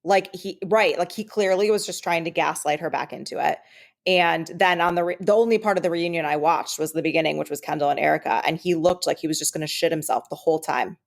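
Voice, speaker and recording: Low, gravelly woman podcast co-host. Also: fast. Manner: chatty, many fillers like "um" and "like". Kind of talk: casual chat.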